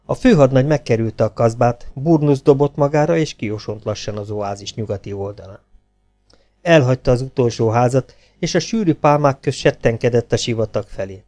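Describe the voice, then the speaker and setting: A man's voice: medium pitch, mellow. A man reading an adventure novel aloud as an audiobook, raising his voice for the dialogue. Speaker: audiobook reader.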